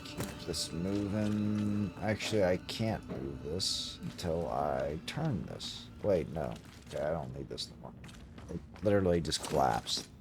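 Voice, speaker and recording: Low-voiced man muttering through a game. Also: expressive, a little slow, music in the background. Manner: muttering, thinking aloud. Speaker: gamer. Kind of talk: casual game commentary. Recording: clear background game noise.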